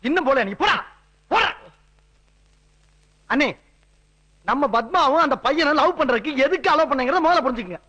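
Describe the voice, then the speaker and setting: A brash, bossy politician uncle who swaggers through every line. His voice sits very high and rings bright and forceful. It is a loud, boastful radio drama turn. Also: animated, moderate pace, pauses often, exaggerated voice. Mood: swaggering.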